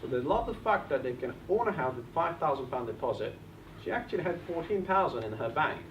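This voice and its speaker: This Bulgarian man talks fast in a slightly high voice, presenting live to a seminar audience in a meeting room and animatedly firing questions right at them. His Bulgarian accent is clear. The recording suffers from echo, distance from the mic, muffling, and faint hiss.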